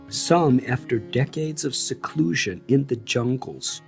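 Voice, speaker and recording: A man narrating a memoir audiobook in a measured, reflective way. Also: mid-range voice, vocal fry. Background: faint guitar music.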